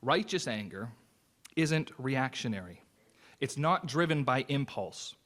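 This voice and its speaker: A man's voice: medium pitch, lively intonation, unhurried, fairly bright tone. A man preaching a sermon as associate pastor, in an earnest, conversational way with personal stories.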